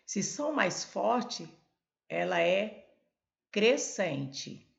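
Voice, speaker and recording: At a board, a woman walks through a Portuguese grammar lesson step by step, pointing things out and prompting with many "olha" and "ó." Her mid-range voice swings widely in pitch and is extremely slow and creaky. The recording sounds lo-fi.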